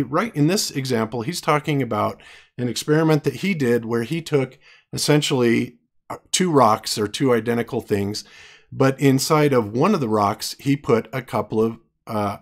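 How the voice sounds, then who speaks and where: A man who is losing his voice, arguing his case in an online debate with halting speech and frequent restarts. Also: medium pitch. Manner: halting, many restarts and fillers. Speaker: debater presenting evidence.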